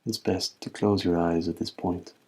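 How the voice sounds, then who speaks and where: Speaking low and a bit husky, this man leads a guided meditation as its teacher, his phrasing unhurried and measured with long silences.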